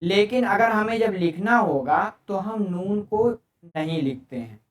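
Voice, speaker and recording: Speaking a little slowly and expressively, a high-voiced man teaches Arabic grammar online, patiently going over each term in several languages. The room echoes, and he sits far from the mic.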